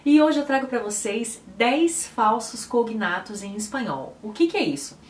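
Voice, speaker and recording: A woman's voice: on the high side, big pitch swings, moderate pace, slight background noise. A Brazilian Portuguese-speaking woman giving a casual online language lesson, explaining words with examples and frequent tag questions. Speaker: YouTube Spanish teacher. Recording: roomy echo, voice from a distance.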